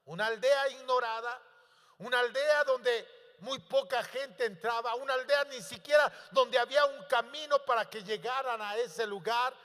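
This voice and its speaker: A male pastor preaching a sermon, building to loud emphatic peaks and asking the congregation questions. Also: very high-pitched, moderate pace. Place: church. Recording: long church hall reverb.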